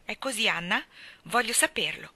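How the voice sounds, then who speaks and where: A woman's voice: medium pitch, lively intonation, moderate pace, bright, forceful tone, husky, dry recording, voice pushed up, exaggerated voice. A woman reader voicing a cheeky, stubborn little boy who whines and insists. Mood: pestering. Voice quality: insistent, whiny.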